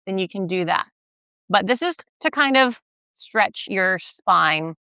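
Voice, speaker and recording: Bright, dry-voiced woman leading stretches. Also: mid-range voice, no echo. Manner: gentle, patient, checks in with "all right?". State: slightly out of breath while stretching. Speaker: stretching instructor. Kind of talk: guided exercise instruction.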